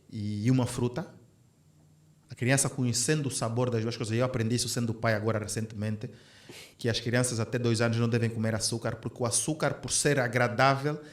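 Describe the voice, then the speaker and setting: Podcast co-host, man in his 30s, earnest and searching, roomy echo. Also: mid-range voice. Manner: earnest, thinks aloud with restarts. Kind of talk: casual conversation.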